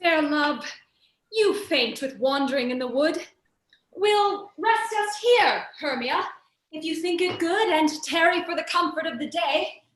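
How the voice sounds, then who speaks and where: A woman's voice: sits high, expressive, measured pace, fairly bright tone, reverberant. A woman reading the part of Lysander, an ardent young man, with earnest verse recitation. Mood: tender. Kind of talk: amateur Shakespeare reading.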